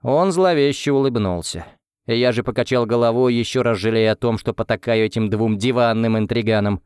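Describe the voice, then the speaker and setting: A man reading a first-person novel aloud in a calm, even storytelling manner. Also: medium pitch, fairly quick, clean tone, no room sound, studio quality. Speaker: audiobook narrator. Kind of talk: scripted first-person narration.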